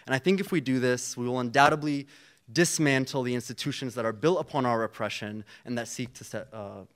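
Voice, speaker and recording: Young adult man, student activist panelist; earnest, rallying speech, plain mid pitch. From Palestinian. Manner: earnest, rallying, with frequent fillers and restarts.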